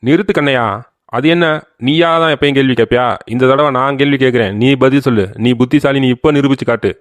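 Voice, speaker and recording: A man's voice: mid-range voice, fast talker, no echo, close to an everyday voice. A man voicing a loyal, bragging younger brother in a cartoon story, swaggering and always calling out to his older brother.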